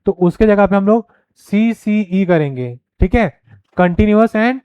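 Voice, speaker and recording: A man giving a recorded pedagogy lecture, explaining point by point and checking in with listeners, reading headings slowly. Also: high-pitched, animated, smooth, no echo, phone-quality sound. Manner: reads headings slowly and deliberately. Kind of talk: recorded lecture, mixing Hindi and English.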